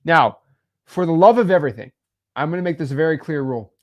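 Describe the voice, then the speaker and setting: On the high side and talking fast, a young male podcast co-host offers casual business advice, rambling with lots of fillers and lively shifts in loudness. The sound is lo-fi.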